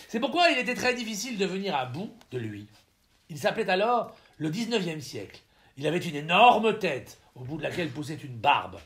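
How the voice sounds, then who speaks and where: Expressive gravelly male audiobook narrator. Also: fairly high pitch. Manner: expressive, ironic storytelling. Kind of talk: scripted narration of a novel.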